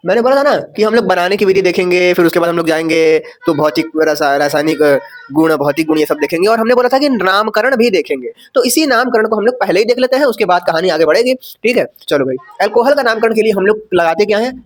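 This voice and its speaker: High-voiced chatty male chemistry teacher. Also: animated, fast. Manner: chatty, asks rhetorical questions, jokes and corrects himself. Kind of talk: casual chalkboard lecture.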